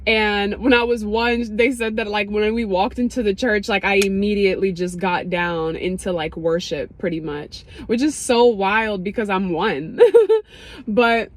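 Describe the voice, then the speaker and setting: A young Ethiopian woman vlogs to camera in a casual, emotional manner, her mid-range voice full of fillers and quick asides as excitement builds.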